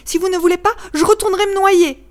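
A woman's voice: very high voice, fairly even intonation, fast, voice pushed up. A woman voicing a small tearful boy who stammers and sobs as he speaks. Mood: eager. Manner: stammering, sobbing.

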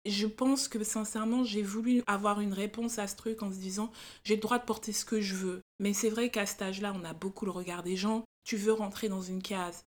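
A woman guest recalls things in a relaxed, reflective way during an interview. Her speech is conversational, at a middle pitch, with an easy rhythm. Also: fairly quick. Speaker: guest, magazine founder. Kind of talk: casual interview talk.

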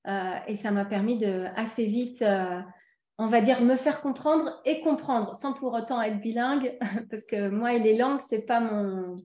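A woman in her forties from France talks through an interview in a hesitant way, often pausing on fillers and starting over. Her voice sits at a middle pitch. The sound is roomy and a bit dull. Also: mellow. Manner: hesitant, many fillers and restarts. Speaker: guest. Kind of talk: casual interview chat.

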